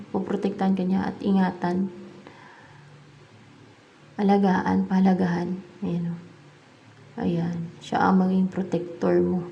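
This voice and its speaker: A woman's voice: mid-range voice, vocal fry, mellow, dull audio, slight background noise. A woman giving a casual spoken tarot reading, musing aloud and repeating herself as she mixes English into her speech. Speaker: tarot card reader.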